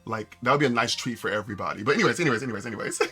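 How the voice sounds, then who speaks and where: Animated, bright-voiced man streamer telling a story. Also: medium pitch, racing, slightly rough, soft background music. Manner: animated storyteller with many restarts and quoted voices. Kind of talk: casual chat with stream viewers.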